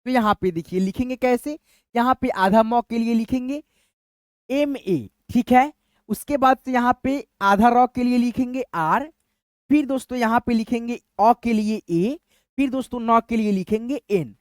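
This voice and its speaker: A man's voice: very high-pitched, no echo. Man teaching a spelling lesson. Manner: repeats "friends" often, drawn-out explanatory tone. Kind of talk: explanatory lesson.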